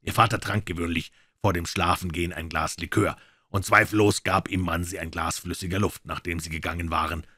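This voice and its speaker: A man's voice: low-pitched, fairly even intonation, a little fast, bright, forceful tone, no echo, studio quality, heavily acted. A man voicing a suave, amiable and mocking male detective in a crime audiobook. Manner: smooth, amiable, ironic.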